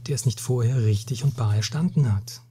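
A man voicing a weary, hot-tempered Spanish captain in a read-aloud story, solemn and weighty, with a very breathy, husky voice. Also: mid-range voice, a little fast, warm tone. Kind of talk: storybook reading.

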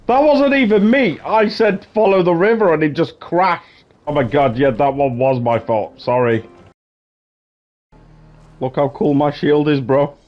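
A young man giving excitable, jokey gameplay commentary, swearing often and slipping into mock-heroic asides. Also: fairly high pitch, unhurried. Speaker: gaming YouTuber.

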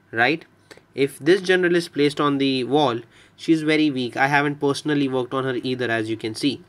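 Higher-voiced man explaining a game guide. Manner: explanatory, repeats points, addresses viewers as dear friends. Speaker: gaming channel host. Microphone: voice-over on screen recording.

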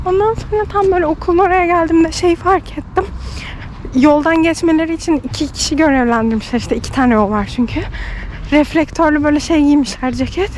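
Young woman from Turkey, high voice, animated storyteller, handheld phone vlog outdoors, faint street noise. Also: brisk. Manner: chatty, animated storytelling with laughs. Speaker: vlogger, doctor. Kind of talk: casual vlog chat.

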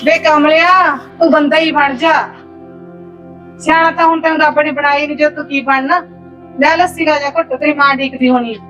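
A woman's voice: high-pitched, steady tone, normal speed, long pauses, fairly bright tone, muffled recording, soft background music. A woman playing a scolding village woman. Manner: scolding, brusque. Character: sharp-tongued village woman scolding a simple man.

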